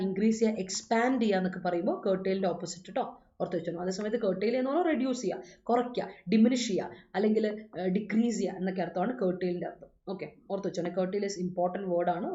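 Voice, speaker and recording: A woman's voice: medium pitch, mellow. Teacher woman, roomy. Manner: mixes Malayalam and English, reads students' comments aloud and corrects them; repeats reminders to remember. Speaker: English vocabulary teacher. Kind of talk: live online class explaining English words. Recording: roomy, dull-sounding room recording.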